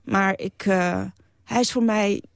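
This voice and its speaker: A woman writer speaks earnestly on a radio talk show, restarting her sentences as she presses her point. Her voice has a gravelly, creaky edge. The studio sound is close and dry. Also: mid-range voice, fairly even intonation, slow, no room sound. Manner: earnest, emphatic, with many restarts. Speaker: writer and guest.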